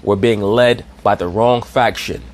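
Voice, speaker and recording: A man's voice: lowish voice, steady tone, unhurried, darkish tone. A man giving a preachy commentary monologue, addressing listeners as brothers and asking rhetorical questions. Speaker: online commentator.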